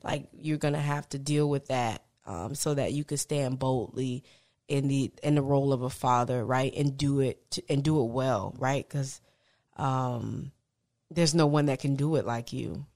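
A woman's voice: rumbling low, measured pace. A woman who founded a small business, talking casually as an interview guest, laughing often. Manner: laughs often, relaxed and conversational.

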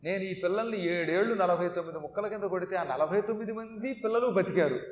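A scheming male god who turns humble and imploring, begging at a mother's feet, as a storyteller puts him on. The voice sits high, and the words ring in an echoey room. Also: fast, distant mic, natural voice.

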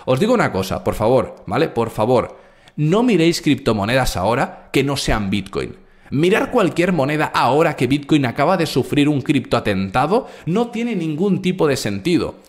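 Brash, lively man streaming market talk. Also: medium pitch, moderate pace. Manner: brash, crude, animated, talks straight to chat. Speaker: crypto trading streamer. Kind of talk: live stream market commentary.

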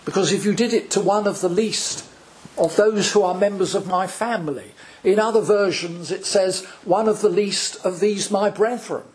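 A male priest preaching a sermon, slow and deliberate, with dramatic pauses between phrases. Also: high voice, darkish tone.

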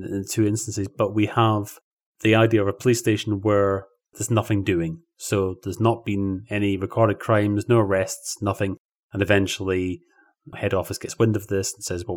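A man co-hosting a film podcast, explaining plot points in a chatty, easygoing way. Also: fairly low pitch. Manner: chatty, explanatory, laughs easily. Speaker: podcast co-host. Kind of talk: casual film review chat.

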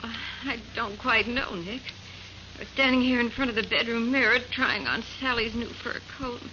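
A woman's voice: on the high side, normal speed, sharp tone. An actress playing a plucky, chatty detective's assistant in an old American radio drama, with eager, girlish exclamations. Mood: plucky, rattled. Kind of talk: mid-century American radio drama acting. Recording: muffled, noisy vintage radio recording.

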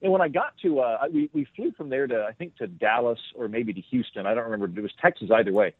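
A man's voice: mid-range voice, fast talker, breathy edge, dry recording. Man telling a story over a tinny line. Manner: rambling, self-deprecating, many restarts. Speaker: guest comedian. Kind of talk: storytelling in a podcast interview. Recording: tinny phone-like line, dry.

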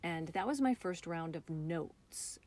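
A playwright and director, interviewed over a computer call that she also captured on her phone, talks casually and describes things with enthusiasm. Her fairly low, darkish voice has lively intonation but a slow pace.

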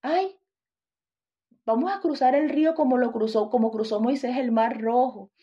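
A man's voice: very high-pitched, normal speed, dark tone, highs cut off. A woman voicing a hopeful little boy. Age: child. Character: small boy, hopeful and trusting.

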